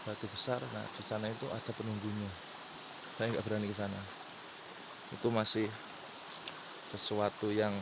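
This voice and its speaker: A young man from Indonesia, talking haltingly and casually as he guides a night exploration vlog, often repeating words. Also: lowish voice. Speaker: vlogger, local guide. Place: outdoors at night beside a rural river. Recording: noisy outdoor recording with insects and stream. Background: crickets, insects, running stream.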